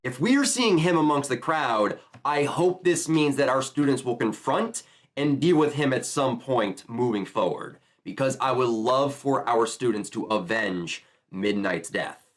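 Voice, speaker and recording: Male YouTuber, enthusiastic casual reaction commentary, mid-pitched and animated. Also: unhurried. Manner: enthusiastic, chatty. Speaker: YouTuber reacting to a manga chapter.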